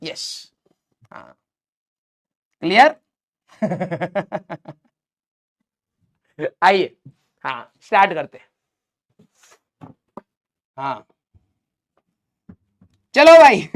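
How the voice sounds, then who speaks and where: A man runs a live online class in a fairly high voice, chatting and poking fun at his students. His delivery is loose and joking, a teacher ribbing the class between topics. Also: fairly bright tone. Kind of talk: casual live-class banter.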